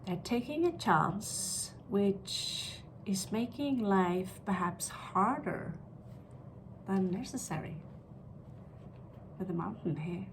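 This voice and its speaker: A woman giving an unscripted tarot reading like a fortune teller, pronouncing on what the cards show in halting short phrases. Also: mid-range voice, lively intonation, background noise. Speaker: tarot card reader.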